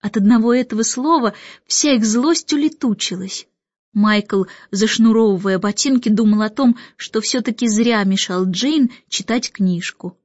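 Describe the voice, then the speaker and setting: A woman narrating a children's storybook in a lively, expressive way. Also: on the high side, unhurried, no echo, lo-fi sound. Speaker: audiobook reader.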